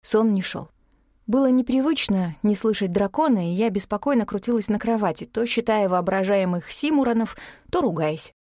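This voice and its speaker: A woman narrating a first-person fantasy audiobook in a lively, expressive reading. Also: mid-range voice, normal speed, no room sound, clean studio sound.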